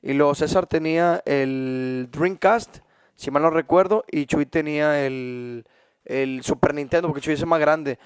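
High-voiced Mexican man hosting a podcast. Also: unhurried, clear, resonant tone, no echo, studio quality. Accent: Mexican Spanish. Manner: animated storyteller, acts out quotes in raised voices. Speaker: podcast host. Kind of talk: casual podcast chat.

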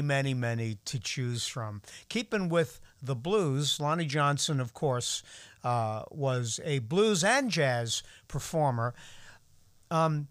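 A man hosting a music show, introducing vintage records in a halting, measured, unscripted way. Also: on the high side, a bit bright, no room sound. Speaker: radio music show host.

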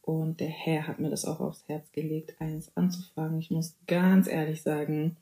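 A young woman in her twenties talks through her podcast with a low, gravelly voice that has a mellow warmth to it. She is chatty and playful, slips into English phrases and drops in amens, and the room around her sounds echoey. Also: level tone, normal speed. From Germany (Bavaria). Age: 20s. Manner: praise interjections like amen and hallelujah. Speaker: podcast host. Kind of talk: casual solo podcast talk.

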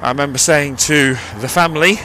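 A man's voice: on the high side, a little fast. A man talking through a rambling audio diary while walking by a busy road, holding a cupped handheld mic, out of breath as he goes uphill. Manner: rambling, self-correcting. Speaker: vlogger. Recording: outdoor street recording with traffic. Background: passing traffic.

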